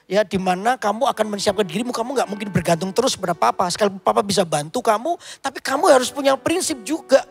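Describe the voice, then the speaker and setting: A man's voice: high voice, animated, quick pace, gravelly, hardly any pauses, faint music behind. A male pastor preaching a sermon, telling stories with quoted dialogue and rising to emphatic points.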